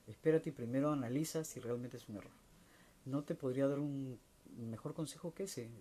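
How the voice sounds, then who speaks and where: A man answering viewer questions in a slow, reflective spiritual talk, searching for words and letting phrases trail off softly. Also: fairly high pitch. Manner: slow, searching, with many restarts and soft trailing endings.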